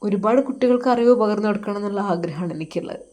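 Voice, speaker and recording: A woman's voice: medium pitch, close to an everyday voice. Woman voicing a heartbroken young cleric. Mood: grieving. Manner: sorrowful, halting, soft-spoken.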